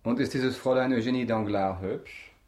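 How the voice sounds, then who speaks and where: An actor playing a mysterious, courtly count in a German radio drama, with deliberate, insinuating politeness. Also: male voice, mid-range voice, darkish tone, natural voice. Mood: curious.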